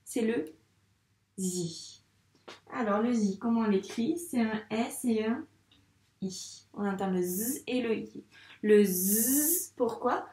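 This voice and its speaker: In an echoey room, a young female primary school teacher teaches young children handwriting. Her voice is fairly high and a little mellow, moving at normal speed with few pauses, and she patiently asks questions only to answer them herself.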